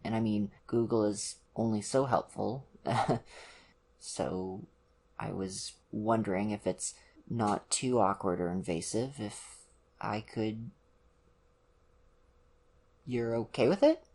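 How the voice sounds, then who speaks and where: An actor plays a college-age boyfriend in an ASMR roleplay, talking one-sidedly to the listener. He's ditzy, awkward, earnest, caring and nervous, with a gentle, hesitant, halting delivery full of ums and pauses. His pitch is medium and the mood is awkward and tentative.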